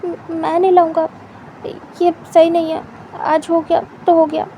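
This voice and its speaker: A woman's voice: extremely high pitch, little pitch movement, a little slow, dark tone, slight background noise. A woman voicing a shy, flustered young man who protests in a huffy way.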